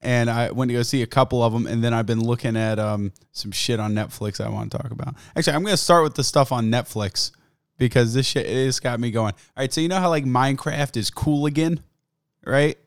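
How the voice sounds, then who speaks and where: A young podcast host with a sick, fraying voice rambles through a casual solo chat, cursing freely and laughing at himself. He talks at an everyday pitch, a little fast, with a clean tone. The close studio mic sits in a dead, dry room with no echo.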